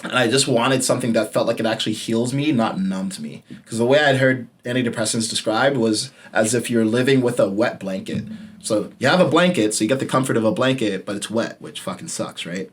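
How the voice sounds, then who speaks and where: A podcast host in his late twenties tells a personal story candidly and casually, talking fairly quickly. He swears freely and drops his voice low whenever he stresses a point.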